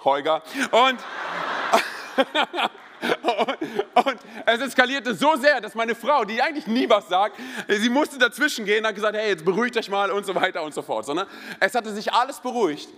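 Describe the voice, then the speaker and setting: A man in his thirties preaching a sermon in a church, energetic and joking, telling personal stories with many interjections. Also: high-pitched, moderate pace. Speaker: pastor. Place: church hall. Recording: long hall reverb.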